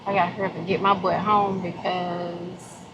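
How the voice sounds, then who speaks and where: A woman with a Southern American accent talks casually to her vlog viewers, calling them y'all, and she sounds effusive, animated and heartfelt. Her voice sits on the low side at a normal pace, with the highs cut off and noise in the background.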